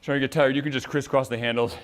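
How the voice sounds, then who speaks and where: A man talks viewers through a strength and mobility workout while exercising himself. He breathes out hard between moves and keeps a relaxed, chatty coaching manner at an ordinary mid-range pitch. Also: quick pace. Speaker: fitness trainer. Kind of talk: workout instruction.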